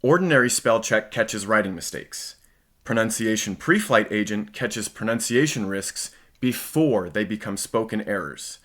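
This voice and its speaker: A man giving a scripted narration of a software demo as its presenter. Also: on the low side, lively intonation, moderate pace.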